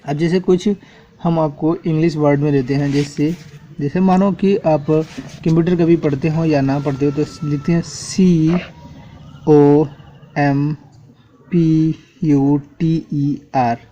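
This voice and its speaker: A man's voice: on the high side, fairly even intonation, unhurried, dark tone, muffled recording, a little hiss or hum. A man teaching an English spelling lesson at a board, spelling words out letter by letter and checking in with the class often.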